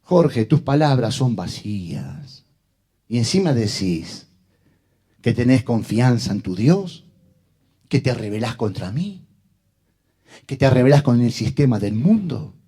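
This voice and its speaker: A man voicing a sinister male devil who taunts believers in slow, low, menacing phrases. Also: expressive, warm tone, husky. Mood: mocking.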